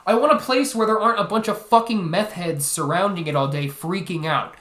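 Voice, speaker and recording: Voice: medium pitch, brisk, a bit bright. A host telling a comedic rant story in a profane, sarcastic way. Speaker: commentary channel host. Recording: roomy echo.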